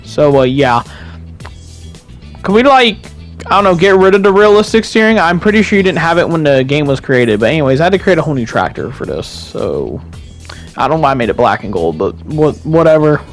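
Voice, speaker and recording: Faint music plays behind a young man, a gaming YouTuber, as he talks loosely over his farming game footage, cursing often and starting sentences over. His fairly high voice is animated and fairly quick.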